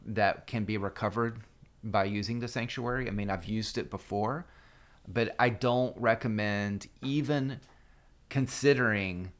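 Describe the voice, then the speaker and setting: Low-voiced man walking through game strategy. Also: fairly bright tone. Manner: loose, filler-heavy, full of "you know" and restarts. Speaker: game guide host. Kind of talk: casual strategy walkthrough voice-over.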